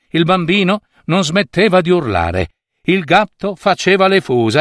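Lively male fairy-tale storyteller. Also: fairly high pitch, dry recording, studio quality. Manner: expressive, playful storytelling. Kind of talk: reading a fairy tale aloud.

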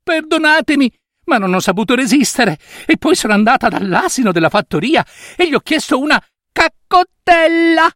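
A mischievous young peasant girl from a fairy tale chatters in a high, squeaky voice, as a man puts her on. She hurries and pleads, her voice jumping all over. The sound is dry and close. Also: big pitch swings, bright, forceful tone, no echo, exaggerated voice. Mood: frightened. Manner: rushed and pleading.

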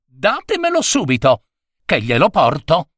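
A man's voice: a little high, huge pitch swings, a little slow, fairly bright tone, no echo, studio quality, pitched above the performer's own voice, full character voice. A man voicing a shocked, insistent housemaid in a storybook. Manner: startled, insistent exclamations. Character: shocked household maid, woman.

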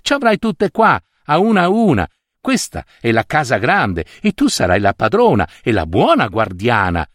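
A man reading aloud and voicing a group of older village women who briskly reassure a young girl. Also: mid-range voice, wildly swooping pitch, a bit bright, no echo, clean studio sound. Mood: reassuring.

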